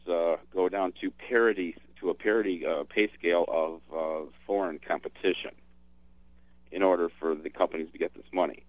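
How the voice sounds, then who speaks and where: A man's voice: low voice, no echo, poor audio. A man hosting a radio talk show, chatting casually about politics with many fillers and restarts.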